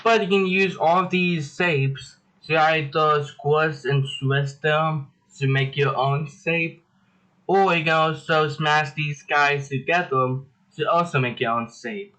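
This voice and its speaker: A man's voice: fairly high pitch, steady tone, slow, a bit bright, rough recording. A young man hosting a casual drawing tutorial, chatty and self-deprecating as he rambles through his steps.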